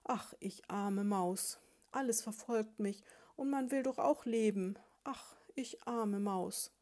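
A woman's voice: mid-range voice, moderate pace, mellow, close to an everyday voice. A woman voicing a poor, hungry little female mouse who pleads and wails her laments. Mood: slow wailing. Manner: wailing, pleading, sobbing lament. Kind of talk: audiobook character voice.

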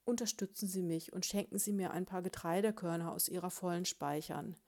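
A woman's voice: fairly low pitch, brisk, darkish tone, lightly acted. A woman voicing a poor, hungry little female mouse who pleads and wails her laments. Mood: pleading. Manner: wailing, pleading, sobbing lament. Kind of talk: audiobook character voice.

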